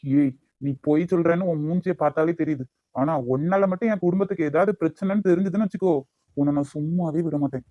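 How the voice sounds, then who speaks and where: A man voicing a troubled young man in an animated story. He speaks with a Nagercoil Tamil accent and talks in a blunt, stern way. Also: fast, no echo, muffled recording, lightly acted. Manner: blunt, stern, then low and despairing. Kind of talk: cartoon voice acting.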